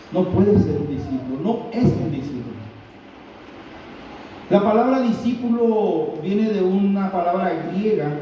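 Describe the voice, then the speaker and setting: Paraguayan pastor preaching in a roomy church. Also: male voice, high-pitched, a little hiss or hum. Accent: Paraguayan Spanish. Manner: slow, deliberate teaching with pauses. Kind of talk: sermon. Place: church hall. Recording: distant, dull, very roomy church recording.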